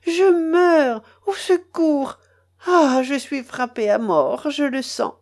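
A woman's voice: fairly high pitch, measured pace, mellow, voice pushed up. A woman reading an audiobook, voicing a frightened young woman who pleads in a trembling voice. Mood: anguished.

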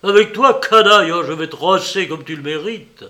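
A man's voice: a little high, normal speed, pushed and bright. A man reading an audiobook, voicing an arrogant but frightened nobleman who blusters and pleads. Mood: angry blustering.

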